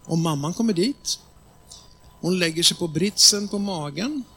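A man preaching a sermon as an animated storyteller, addressing the audience directly. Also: high-pitched, slight background noise.

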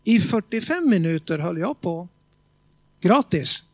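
A man with a notably high voice preaches a sermon, telling stories in a chatty, conversational way. He keeps checking that his listeners are following along and slows down to hammer home key words. The sound is close and dry, with almost no room echo. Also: big pitch swings, fairly bright tone. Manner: conversational, often asks the congregation if they follow; tells stories with quoted voices and emphatic slow stresses. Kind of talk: sermon with storytelling.

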